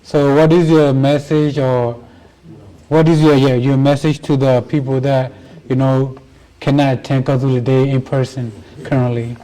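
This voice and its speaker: A man interviewing a guest, asking slow, measured questions. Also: medium pitch, level tone, mellow, rough recording.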